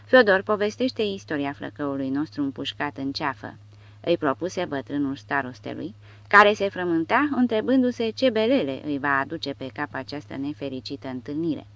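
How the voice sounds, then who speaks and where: Rich: A woman narrates an audiobook in a low voice with a steady storytelling delivery. The recording is dull and lo-fi. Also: no echo.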